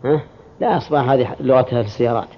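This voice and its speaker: A male scholar teaches a class in a mid-pitched voice. He stops to quiz his students and says each word form slowly, one by one, with casual asides mixed in. The recording sounds dull and lo-fi, like an old lesson tape. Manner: quizzes students, repeats word forms slowly; slips into colloquial asides. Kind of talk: classroom lesson, explaining a text.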